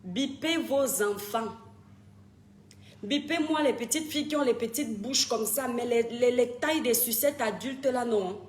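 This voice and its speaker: Animated woman livestreaming, echoey. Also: on the high side, normal speed, few pauses. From Cameroon. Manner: animated, scolding, laughs often, calls viewers "mes étoiles". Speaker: live stream host. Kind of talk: casual live stream chat, greeting viewers. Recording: echoey room with faint background noise.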